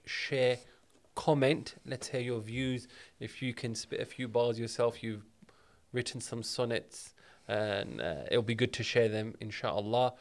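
A man from South London with a South London accent, hosting a podcast with friendly, jokey banter. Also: medium pitch. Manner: friendly banter, quick to laugh. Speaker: podcast host. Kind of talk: casual podcast chat.

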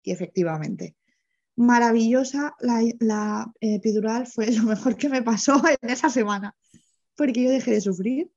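A woman's voice: on the high side, normal speed. Woman from telling a story. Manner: lively storytelling with frequent fillers. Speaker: guest. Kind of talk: personal story in conversation. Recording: dull lo-fi sound.

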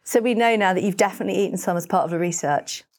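A woman's voice: mid-range voice, racing, a little mellow. Female interviewer, friendly and conversational, reads fan questions aloud.

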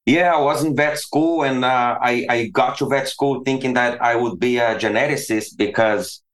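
A Brazilian man in his forties, a veterinary professor, is a guest in a conversational interview. His mid-range voice is fairly bright and carries a Brazilian Portuguese accent. He speaks haltingly, often restarting and repeating words.

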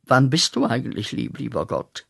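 A bitter, raging war returnee. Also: male voice, mid-range voice, very animated, normal speed, vocal fry, slightly rough, exaggerated voice. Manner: accusing, bitter, swinging from muttering to shouting. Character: bitter young man, war returnee, accusing God. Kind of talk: radio play acting.

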